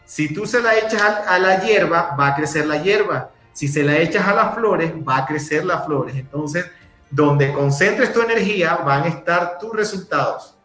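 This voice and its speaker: A man speaking as a guest, giving a direct, emphatic motivational talk with lively examples. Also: a little high, moderate pace, echoey room, faint music behind.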